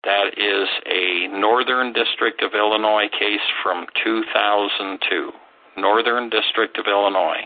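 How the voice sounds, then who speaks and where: A man with a fairly low voice dictates legal material at a very slow, measured pace. He reads out names and references piece by piece, spelling as he goes. The sound is narrow and phone-like. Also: fairly even intonation. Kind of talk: reading aloud legal material with spoken asides.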